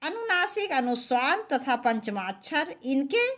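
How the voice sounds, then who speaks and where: A woman's voice: sits high, big pitch swings, fairly bright tone. A woman teacher reading out exam questions and their answer options, then explaining each answer. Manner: reads options slowly, then explains with stressed syllables. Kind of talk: exam quiz lesson.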